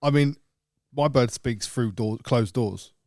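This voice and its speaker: Man, podcast co-host; mid-pitched, rambling stop-start delivery, dry close sound. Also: slow, a little mellow, no echo. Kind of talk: casual chat.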